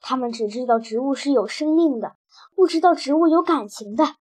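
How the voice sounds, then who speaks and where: A woman voicing a calm, wise old male turtle in a storybook reading, speaking in a lowered, knowing voice. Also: fairly quick, breathy edge.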